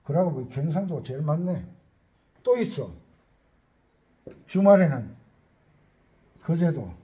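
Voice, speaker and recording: Chatty man, high lively voice. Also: measured pace, dull audio. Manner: chatty, rambling, thinks aloud while listing places. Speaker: accordion teacher. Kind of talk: casual talk to viewers.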